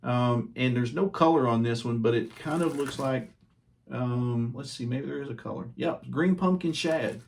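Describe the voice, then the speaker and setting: A man hosting his fishing channel, casually reviewing baits at home in a relaxed, chatty way with lots of ums and uhs. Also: mid-range voice, normal speed, creaky, a little hiss or hum.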